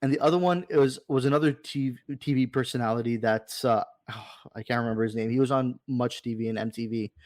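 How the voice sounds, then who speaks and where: A man in a podcast chat tells a story with energy and voices the lines people said along the way. His voice is mid-pitched and is heard in a dry, close recording with no room sound. He talks in a loose, casual way. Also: a little fast, dry recording. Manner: animated, retells scenes with quoted dialogue. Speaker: supporters' club president, podcast guest.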